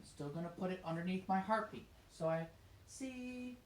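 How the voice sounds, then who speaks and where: A woman's voice: on the low side, a little fast, a little hiss or hum. Echoey woman teaching a music lesson. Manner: encouraging, explains step by step, sings short demonstrations. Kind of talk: recorded music lesson for children. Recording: echoey room.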